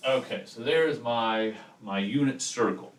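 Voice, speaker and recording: At a chalkboard, a man with a medium-pitched, unhurried voice walks through a math lesson step by step in a relaxed way. Chalk scratches and clicks behind him, and the distant mic captures an echoey room with background noise.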